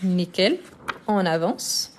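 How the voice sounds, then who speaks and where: Slow, careful French-Brazilian woman teacher. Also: on the low side, expressive, a little hiss or hum. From France and Brazil. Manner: slow, deliberate, explanatory with many fillers. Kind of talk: live online grammar lesson.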